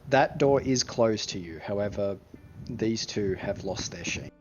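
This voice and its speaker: A man's voice: fairly low pitch, measured pace. A man acting as game master, narrating a tabletop game. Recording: dull recording under loud music.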